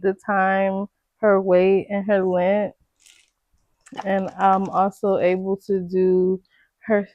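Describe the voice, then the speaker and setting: A young pregnant woman unboxes gifts in an easy, gushing vlog chat, full of slangy exclamations and delight. She talks slowly and unhurried. The sound is dry and close but a little dull and muffled. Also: medium pitch, no room sound. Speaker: vlogger.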